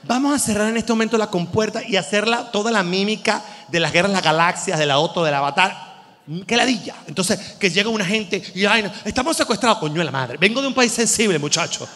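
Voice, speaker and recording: A man's voice: high-pitched, fast talker, bright, forceful tone, big-room sound. A man with a Venezuelan accent doing a rambling, exasperated, crude stand-up comedy monologue. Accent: Venezuelan Spanish.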